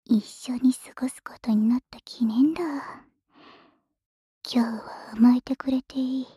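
A woman voicing a teasing young wife who uses magic, speaking in a soft, close whisper in an ASMR roleplay. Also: on the high side, fairly even intonation, unhurried, husky, no echo.

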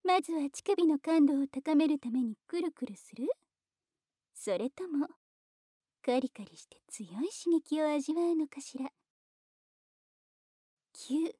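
A high, mellow-toned mistress, voiced by a woman, who teases and gives orders in a slow, coaxing manner. She slips often into soft whispers in this ASMR roleplay. The sound is close and dry. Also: lively intonation, no echo. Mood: teasing, commanding. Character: teasing dominant adult woman, commanding and condescending.

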